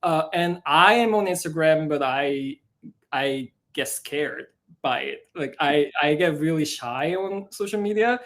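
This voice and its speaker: Speaking on a relaxed live stream, this co-writer of a musical has a Korean accent and a fairly high, expressive voice. He comes across as quiet and unsure, filling pauses with "uh" and laughing easily.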